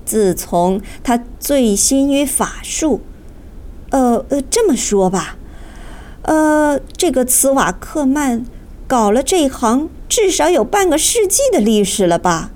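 A woman narrating a children's audiobook in an expressive, storytelling manner, addressing young listeners. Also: on the high side.

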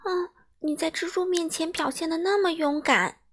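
A proud, fussy little storybook girl who complains in a high, loud voice, as a woman reads her. She sounds spoiled and sure of herself. The pitch sits well above an ordinary woman's speaking voice. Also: moderate pace. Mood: timid. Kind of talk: children's storybook reading.

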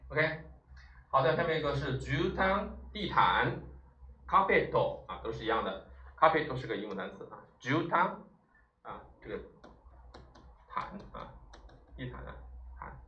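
Bright-voiced male teacher in an echoey room. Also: medium pitch. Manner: explains patiently, checks in with listeners. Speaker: Japanese teacher. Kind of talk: classroom vocabulary lecture. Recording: roomy echo, mic at a distance.

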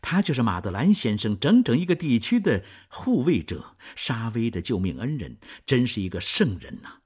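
A man's voice: lowish voice, big pitch swings, moderate pace, vocal fry, exaggerated voice. A man doing a fervent young man. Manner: raised, loud, fervent delivery. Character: impassioned young man, earnest and emotional. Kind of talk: storybook reading.

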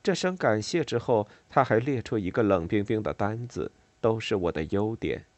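A man narrating a novel in a measured reading style with expressive, varied intonation. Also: fairly low pitch, no room sound. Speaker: audiobook narrator.

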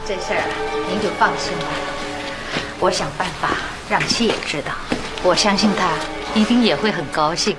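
Lady playing bossy matchmaking woman in old tv drama, low-ish voice, sure of herself, music under it. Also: moderate pace, lightly acted. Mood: reassuring. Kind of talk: TV period drama dialogue.

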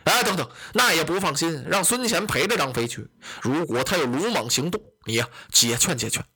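A sober, prudent lord who scolds in measured, steady words, as a storyteller puts him on. The voice sits lower than the narration and has a husky edge. It sounds like a tale told aloud to listeners. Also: male voice, heavily acted. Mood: admonishing.

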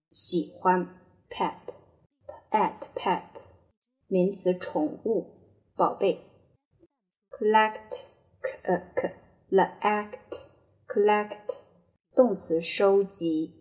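A woman teaching English vocabulary with a Chinese accent, repeating each word slowly and then explaining it. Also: medium pitch, darkish tone. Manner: slow, deliberate repetition of each word. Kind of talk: word-by-word pronunciation drill.

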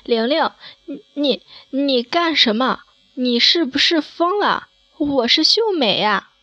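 A woman's voice: a little high, measured pace, fairly bright tone, dry recording, dull audio. A woman voicing a timid schoolgirl boarder who frightens easily and talks in an anxious, pleading way. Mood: terrified.

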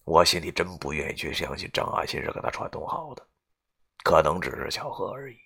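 Deep gravelly male storyteller. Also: sing-song, fairly quick, sharp tone. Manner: gruff, coarse, swearing storyteller. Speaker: audiobook narrator. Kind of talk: first-person novel narration.

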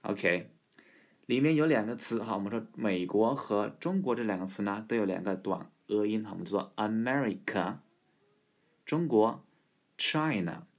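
A man hosting an English pronunciation lesson, showing how to say each word slowly and repeating it several times. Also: lowish voice, lively intonation. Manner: demonstrates words slowly and repeats them. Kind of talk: slow spoken language lesson.

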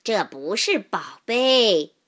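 A woman voicing an eager, excitable young fox in a storybook. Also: takes it slowly. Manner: high and excited.

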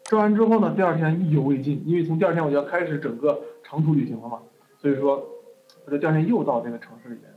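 A man lecturing, telling a personal story in an animated way and often tagging his sentences with "OK". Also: on the high side, rapid-fire. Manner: animated, peppers speech with "OK". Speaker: lecturer on going abroad. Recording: phone-like narrow band with faint music.

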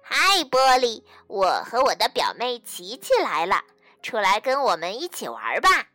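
一位女士扮演的一只热情的小男孩兔子，说话响亮又开朗，声音偏高。这是故事书里的角色，录音干燥。. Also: female voice, on the high side, wildly swooping pitch, a little slow, sharp tone, no echo, faint music behind, heavily acted. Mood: cheerful. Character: friendly young boy bunny friend.

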